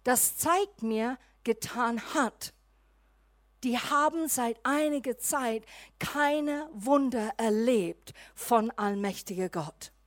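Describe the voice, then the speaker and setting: Slow, high-voiced woman preaching. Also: no echo, studio quality. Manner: lively, acts out Bible characters in asides. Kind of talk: sermon.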